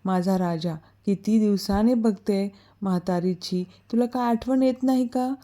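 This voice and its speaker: A woman's voice: mid-range voice, measured pace, warm tone, natural voice. A woman voicing a proud old grandmother who sulks and scolds, in a storybook reading. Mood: grumbling. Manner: sulky, scolding, takes offence.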